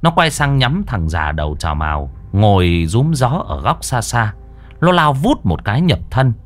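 A man's voice: medium pitch, sing-song, a little slow, soft background music. A man narrating a ghost story in a vivid, dramatic way with crude slang.

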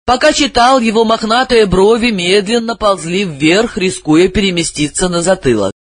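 A man reading a story aloud as an audiobook narrator, with a lively, dramatic delivery. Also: high voice, normal speed, no echo. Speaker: audiobook reader.

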